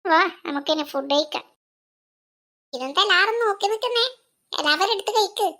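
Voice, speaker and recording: A woman performing a comic family skit, switching quickly between scolding, teasing and calling out to children. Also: extremely high pitch, expressive, bright, forceful tone. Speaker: comedy sketch performer.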